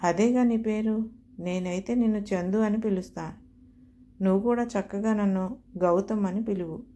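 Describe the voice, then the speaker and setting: A woman's voice: mid-range voice, moderate pace, mellow, close to an everyday voice. A woman voicing a confident, friendly young male suitor who talks in a breezy, teasing way in a storybook reading. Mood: playful.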